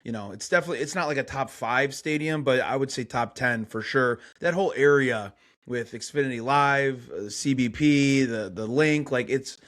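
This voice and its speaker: A man's voice: medium pitch, moderate pace, a bit bright. A young man from Chicago, a guest on a casual podcast interview, talking in a laid-back, rambling way with lots of fillers.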